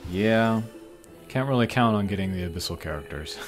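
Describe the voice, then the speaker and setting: Game music runs in the background as a man with a lowish voice comments on his mobile game pulls at a normal speed. He sounds animated, though his casual channel commentary is hesitant, like he's thinking out loud.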